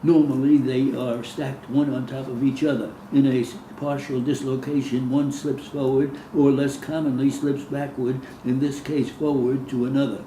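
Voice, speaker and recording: A man's voice: mid-range voice, level tone, moderate pace, few pauses, mellow. A man dictating courtroom testimony, reading out the questions, answers and speaker labels from a script. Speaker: reader dictating a court transcript. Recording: roomy echo, faint background noise.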